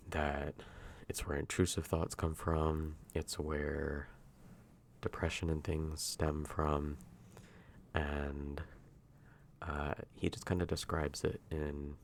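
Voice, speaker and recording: A man speaking softly and intimately, close in a soft voice, in a drifting, hesitant ASMR ASMR role-play ramble. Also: rumbling low, vocal fry, a little hiss or hum. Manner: hushed, intimate, near-soft voice at times.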